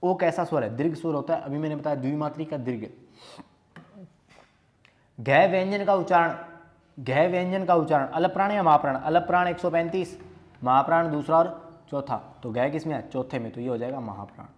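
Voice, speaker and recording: A man's voice: fairly high pitch, a little fast, dull audio. A young man teaching a grammar lesson, going through quiz questions and repeating each question before answering it himself. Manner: asks questions and answers them himself, repeating key terms.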